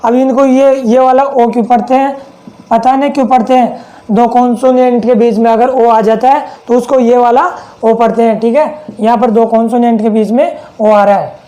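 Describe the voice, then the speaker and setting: A man's voice: very high voice, fairly even intonation, moderate pace, mellow, rough recording. A man teaching an English lesson with a Hindi accent, repeating points and asking rhetorical questions to check understanding. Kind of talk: classroom lesson.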